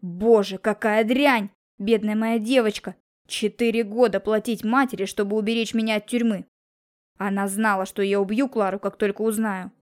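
A woman voicing an outraged middle-aged businessman father with an explosive temper, shouting in slow, heavy bursts for an audiobook. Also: mid-range voice, fairly even intonation, natural voice. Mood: furious shouting. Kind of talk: audiobook character reading.

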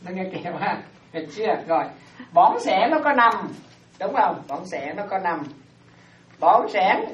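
A woman Buddhist teacher giving an animated dharma talk to lay followers, often checking that they follow. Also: medium pitch. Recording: roomy, distant, dull lo-fi sound.

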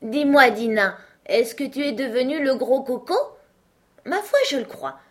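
In a storybook reading, a woman voices Alice, a curious, chatty young girl who fondly scolds her cats. She speaks unhurriedly in a high pitch placed above her own natural voice.

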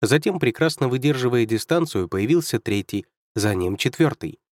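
Male audiobook narrator, steady, measured, dry close recording. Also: mid-range voice, dry recording. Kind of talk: scripted narration.

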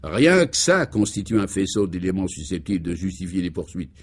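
A man voicing an earnest young male reporter in a radio serial, who speaks in a measured, polite way. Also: low voice, very animated.

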